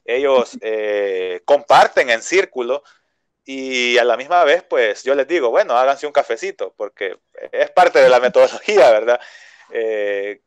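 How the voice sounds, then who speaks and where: Salvadoran guy who owns a language school, walks you thru his method slowly, lots of ehs, dry close sound. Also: medium pitch, no room sound. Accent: Salvadoran Spanish. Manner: patient, explanatory, with many fillers and restarts. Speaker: English school owner. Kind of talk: interview answers, explaining a teaching method.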